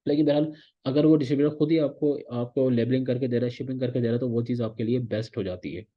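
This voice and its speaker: A man teaches a recorded online course at a brisk, rapid clip, walking through each step and checking in constantly. His voice sits at an ordinary pitch for a man. The recording is dull and lo-fi. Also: fairly even intonation. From Pakistan. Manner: repeats "theek hai" as a check-in, explains step by step. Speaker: course instructor.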